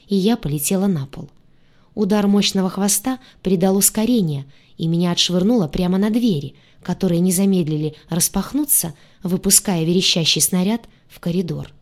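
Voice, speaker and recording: A woman narrating a first-person fantasy audiobook with a lively, expressive reading. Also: lowish voice.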